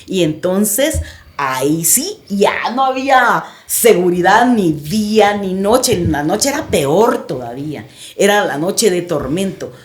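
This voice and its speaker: Animated woman telling a dramatic story. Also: mid-range voice, takes it slowly, reverberant. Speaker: guest. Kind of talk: recounting a personal story.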